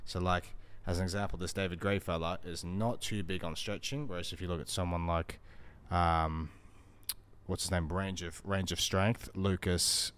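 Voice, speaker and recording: A man's voice: sits low, fairly bright tone, smooth. A man talking in a casual, blokey, informal way as a podcast co-host. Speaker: podcast co-host and jiu-jitsu practitioner. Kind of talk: casual chat.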